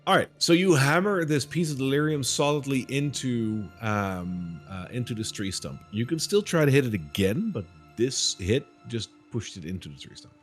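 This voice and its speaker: A male game master narrates a tabletop game off the cuff. His pitch moves widely, the voice is somewhat husky, and faint music plays underneath. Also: animated, normal speed, few pauses. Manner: conversational, addresses players directly.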